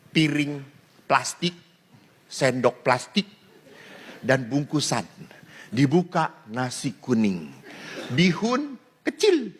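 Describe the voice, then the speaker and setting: A man's voice: medium pitch, breathy edge. A man who is a priest, giving a humorous sermon told as a story, laughing often as he speaks. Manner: animated, laughing while telling jokes. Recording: reverberant hall, faint ambience.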